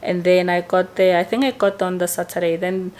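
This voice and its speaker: A woman's voice: lowish voice, steady tone, brisk, darkish tone. A woman who teaches English, chatting casually to camera as she tells a long story and often tacks a questioning "right?" onto her sentences. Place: indoors, lawnmower outside.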